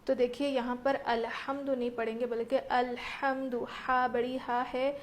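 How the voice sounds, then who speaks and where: A woman with a fairly high voice gives a recitation lesson, keeping her pitch even and level throughout. She explains each rule patiently and step by step, often pausing on a rhetorical question before giving the answer. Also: slight background noise. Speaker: Quran recitation teacher. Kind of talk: tajweed lesson with recited examples.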